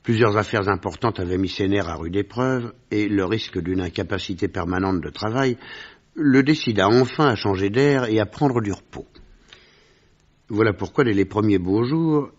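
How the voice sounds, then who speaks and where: A man playing a genial gentleman doctor who recounts his memories in a 1950s radio drama, on a dull vintage recording. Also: lowish voice, husky.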